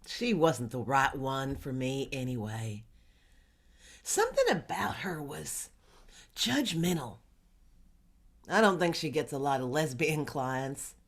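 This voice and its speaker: A woman's voice: a bass voice, sing-song, exaggerated voice. An actress playing a woman who muses wryly about her therapist in a stage monologue. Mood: musing. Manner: musing, wry, unhurried. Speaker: stage actor. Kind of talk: theatrical monologue.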